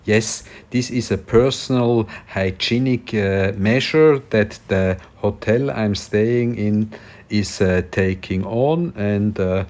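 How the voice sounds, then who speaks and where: A man giving casual travel vlog commentary in a halting, deliberate way, often pausing mid-sentence. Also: fairly low pitch, darkish tone. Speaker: vlog host. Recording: clear background noise on location. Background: ambient noise.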